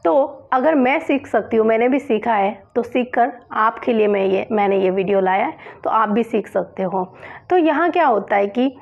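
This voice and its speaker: A woman's voice: fairly high pitch, animated, normal speed, creaky, muffled recording. A woman teaching English pronunciation in a spoken lesson, spelling words letter by letter and patiently asking and answering her own questions.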